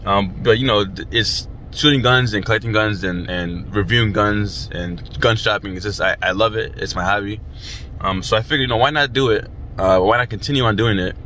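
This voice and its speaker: A young man, chilled by the cold, chatting casually and haltingly to camera inside a car. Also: lowish voice, pushed and bright, a little hiss or hum. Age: young adult. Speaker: vlogger.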